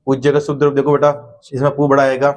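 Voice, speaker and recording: A man's voice: medium pitch, monotone, quick pace. A middle-aged man teaching a Hindi spelling lesson in a classroom, coaxing his students with repeated tag questions.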